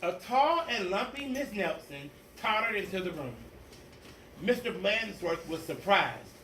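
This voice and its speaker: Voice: medium pitch, big pitch swings, measured pace, pushed and bright. A storybook reader doing a theatrical, emphatic read-aloud of a children's picture book. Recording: echoey room, distant mic, faint noise.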